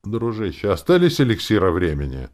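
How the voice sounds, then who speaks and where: Male narrator as confident male dark mage, dry and commanding. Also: fairly low pitch, huge pitch swings, brisk, pitched above the performer's own voice. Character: dry self-assured male dark mage casino owner.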